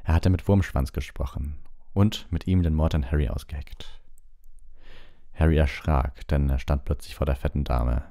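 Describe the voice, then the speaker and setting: A man reading a storybook aloud as an audiobook, in a calm, measured storytelling manner with small slips. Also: extremely low pitch. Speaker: audiobook reader.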